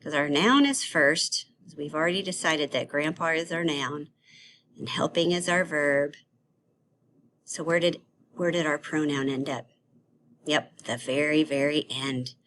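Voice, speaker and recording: A woman teaches young children grammar in a slow, unhurried way. She asks playful questions in a sing-song tone and praises their answers. Her voice sits a little low, with a faint hiss behind it. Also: fairly bright tone.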